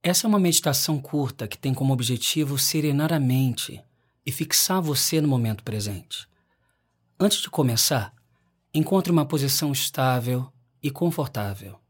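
A man leads a scripted guided meditation as an instructor. His voice is mid-pitched, with a soft husky breathiness. He gives each instruction calmly and leaves long, unhurried pauses between phrases.

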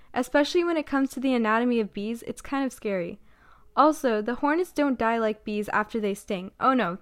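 A woman's voice: a little high, no echo, clean studio sound. A young woman giving a scripted talk about the year's news, adding wry, joking asides. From Pacific Northwest, US. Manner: wry, jokey asides between read points. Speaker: presenter.

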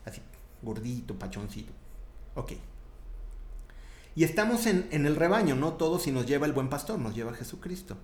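Animated Mexican preacher with a lively voice. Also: male voice, on the high side, normal speed, long pauses, reverberant. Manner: conversational, animated, tag questions. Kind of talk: sermon.

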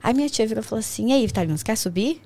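Lively fast-talking woman telling stories. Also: on the high side. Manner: animated storyteller, acts out family voices. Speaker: guest traveler. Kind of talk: casual storytelling chat. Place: podcast studio.

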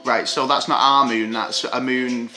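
Bright-voiced man, slightly hoarse. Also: mid-range voice, fairly even intonation, unhurried, soft background music. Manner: rambling, filler-heavy, chatty. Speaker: podcast co-host. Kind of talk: casual chat.

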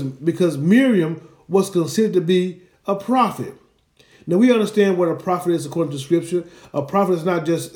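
A man's voice: on the high side, dark tone. A man giving an earnest, explanatory Bible teaching, using Hebrew names. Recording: echoey room.

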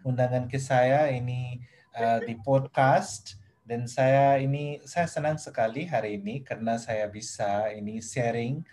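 A man's voice: medium pitch, fairly even intonation, measured pace, darkish tone. Young male podcast guest, Nepali accent, foreigner speaking hesitant, learner-level Indonesian with English mixed in. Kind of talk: casual interview talk.

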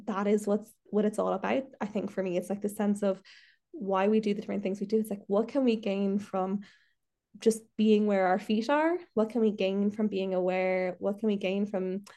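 A woman's voice: mid-range voice, steady tone, normal speed, mellow. Woman host, reflective and rambling, on a video call. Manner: reflective, rambling with many restarts. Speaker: podcast host, trainee therapist. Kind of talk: casual podcast chat.

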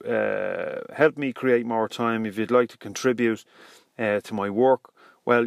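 A man's voice: on the low side, vocal fry, dry recording, clean studio sound. An Irish man hosting a solo podcast in a casual, rambling, hesitant way, recorded inside a car. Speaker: podcast host. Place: inside a parked car, in the passenger seat.

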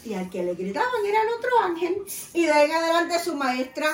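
Una mujer mayor con acento puertorriqueño que cuenta anécdotas familiares de forma animada, imitando voces. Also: female voice, high voice, fast, far from the mic. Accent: Puerto Rican. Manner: animated storyteller who acts out voices. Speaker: guest mother. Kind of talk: casual family chat. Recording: roomy, off-mic, faint room noise.

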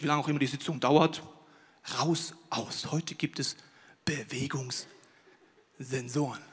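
A male stand-up comedian doing a chatty monologue, talking straight to the audience with rhetorical questions and swinging between loud outbursts and quiet asides. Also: fairly high pitch, big-room sound.

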